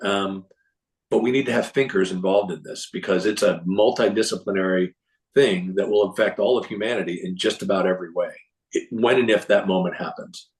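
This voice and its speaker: A man giving a casual, rambling recap of a symposium to a group, often clearing his throat and restarting sentences. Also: sits low, brisk, low-quality recording. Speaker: presenter reporting on a symposium.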